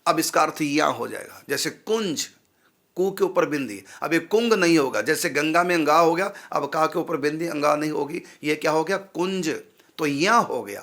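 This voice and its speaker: A man's voice: a little high, vocal fry, fairly bright tone. A man, a spiritual teacher, patiently explaining how to pronounce mantra syllables and repeating sounds to drill them.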